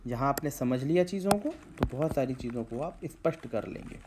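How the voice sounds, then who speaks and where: A man's voice: medium pitch, animated, brisk, noisy background. A man teaching a grammar lesson to schoolchildren, explaining patiently step by step and drawing out vowel sounds to show pronunciation.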